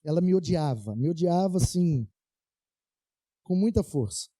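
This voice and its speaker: A man's voice: on the high side, measured pace, dry recording. A young Brazilian man preaching as a pastor, telling playful anecdotes and acting out the dialogue. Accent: Brazilian Portuguese. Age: young adult. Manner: animated anecdotes, playful, acts out quoted dialogue. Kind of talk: storytelling sermon.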